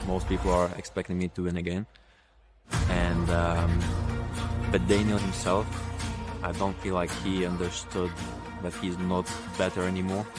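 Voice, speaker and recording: A man talks in a low, even voice, calm and self-assured. His pitch barely moves. Loud music runs underneath his words. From Lithuania. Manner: measured and confident, with frequent ums. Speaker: arm wrestler. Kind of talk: pre-match interview.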